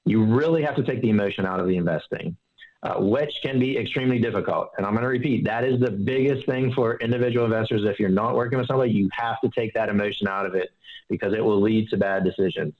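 A man giving calm financial advice in an interview, explaining with analogies and often restarting his sentences. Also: lowish voice, fast. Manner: earnest and explanatory, fond of analogies, many restarts. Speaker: financial advisor guest. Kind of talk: casual interview. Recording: dull, slightly lo-fi audio.

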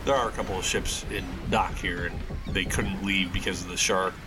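A man's voice: sits low, steady tone, normal speed, music in the background. A man narrating a tabletop game as its game master. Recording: clear background noise.

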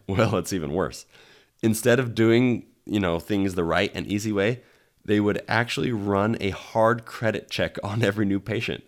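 A man hosting a podcast in a conversational way, his voice scratchy from being under the weather. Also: low-pitched. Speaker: podcast host. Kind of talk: conversational solo podcast talk.

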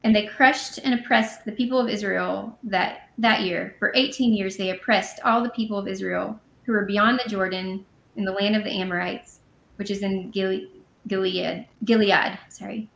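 A woman's voice: medium pitch, steady tone, moderate pace, vocal fry, a bit bright, roomy sound, a little hiss or hum. A woman co-hosting a casual podcast, reading Bible passages aloud and then explaining them in a chatty way with fillers and self-corrections. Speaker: podcast co-host.

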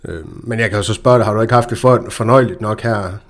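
A man hosting a casual football podcast, chatty and hesitant, with frequent fillers. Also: fairly low pitch. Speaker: podcast host.

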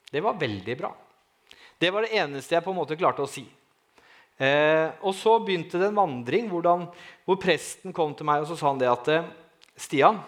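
A man shares his testimony with a lot of energy. His voice sits a little higher than most men's. He keeps turning to his listeners for agreement, and his loudness swings from hushed to loud. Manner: lively, asks the audience "right?", dramatic swings in loudness. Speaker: speaker giving a testimony. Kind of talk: personal testimony, storytelling.

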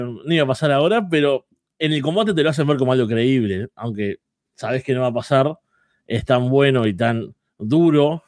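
Male co-host, average pitch, casual review chat, close and dry sound. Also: a little mellow, dry recording. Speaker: wrestling podcast co-host.

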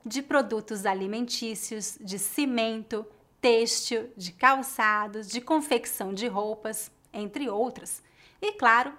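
A Brazilian woman from Northeast Brazil teaches in scripted educational narration with a São Paulo Portuguese accent. As a language teacher, she sounds calm and clear, her voice slightly high.

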